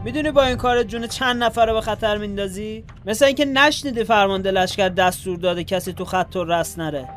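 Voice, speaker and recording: A man's voice: high-pitched, hardly any pauses, natural voice. An actor playing a young male frontline soldier who is grieving and hot-tempered, with a blunt and scolding manner, in a radio drama. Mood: angry. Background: music.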